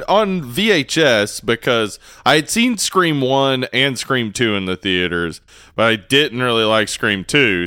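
A man co-hosting a podcast, chatting casually with an animated, enthusiastic manner and frequent laughter. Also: medium pitch, clear, resonant tone, dry recording, clean studio sound. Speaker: podcast co-host.

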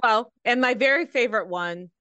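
A woman co-hosting a podcast, talking in a relaxed, thoughtful way. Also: fairly high pitch, normal speed, clear, resonant tone, no room sound. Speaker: podcast co-host. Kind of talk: casual podcast chat.

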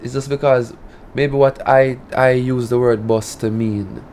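A man from rural Saint Elizabeth, Jamaica, speaks Patois with a Jamaican accent and a country drawl, chatting casually as an artist in an interview. His medium-pitched voice is steady, slightly mellow, and measured in pace. There's a little background noise.

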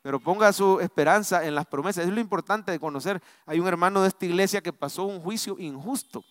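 A man with a Salvadoran accent preaching a live sermon to his congregation, swinging from loud exhortation to soft, low asides. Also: quick pace, no room sound, studio quality. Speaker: pastor. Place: church sanctuary.

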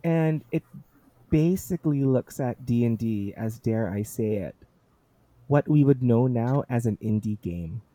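Guy gushing about a book, really dark mellow voice, dry sound. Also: mid-range voice, animated, a little slow, dry recording. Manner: enthusiastic, articulate, reads passages aloud. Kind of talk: book discussion chat.

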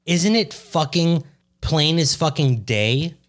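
A man's voice: a little high, slow. A man co-hosting a podcast in casual chat, swearing freely and teasing his co-host with mock outrage.

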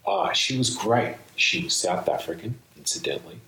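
Low male voice, playful solo podcast monologue, slangy and meandering, roomy laptop-microphone recording. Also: wildly swooping pitch, moderate pace, gravelly, pushed and bright, slight background noise. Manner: loose, slangy, musing aloud. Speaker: podcast host. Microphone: built-in laptop microphone, mistakenly used instead of studio microphone.

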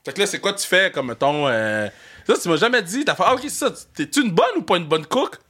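Giggly Québécoise podcast host. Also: female voice, fairly low pitch, big pitch swings, a little fast, a little hiss or hum. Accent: Quebec French. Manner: giggly, teasing, loud laughs. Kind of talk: casual chat.

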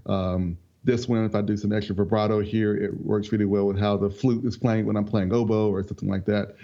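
A young man from North Carolina, a musician guest, chatting casually and rambling with many ums. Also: fairly low pitch. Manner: relaxed, rambling, with many ums and quick laughs. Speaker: interview guest, multi-instrument musician. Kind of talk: casual interview chat. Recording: dull lo-fi audio.

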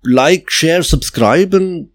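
A man's voice: a little high, expressive, takes it slowly, no room sound, studio quality. A middle-aged man hosting a solo podcast, explaining ideas in a reflective, conversational way and often checking in with "right?" and "you know.". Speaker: podcast host.

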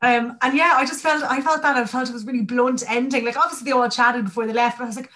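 Higher-voiced Irish woman chatting casually. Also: fairly even intonation, quick pace, bright, forceful tone. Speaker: podcast host. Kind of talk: casual chat.

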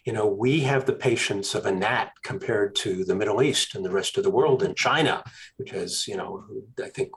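A man, a guest author, telling a story in a casual interview, with animated emphasis. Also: on the low side, moderate pace.

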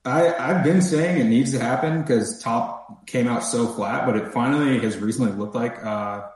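A man's voice: medium pitch, moderate pace, darkish tone, heavy reverb, low-quality recording. A man appearing as a guest analyst on a casual podcast, thinking aloud with lots of fillers and hesitations.

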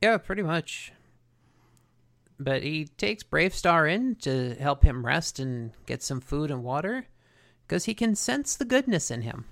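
A man's voice: on the high side, sing-song, measured pace, gravelly. A man co-hosting a podcast, casually retelling a cartoon episode in a conversational way. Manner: conversational, story-telling with paraphrased dialogue. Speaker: podcast co-host.

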